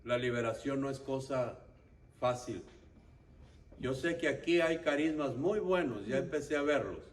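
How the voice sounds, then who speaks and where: A man's voice: medium pitch, animated, unhurried. A man teaching a church prayer group, instructive and often checking that listeners follow. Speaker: lay instructor of an intercession ministry. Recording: distant mic, faint background noise.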